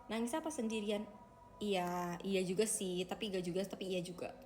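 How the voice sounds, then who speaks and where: A woman's voice: mid-range voice, steady tone, normal speed, a little mellow. A young woman hosting a casual livestream, chatting with her viewers and calling them guys. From Indonesia. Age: young adult. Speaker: idol livestreamer.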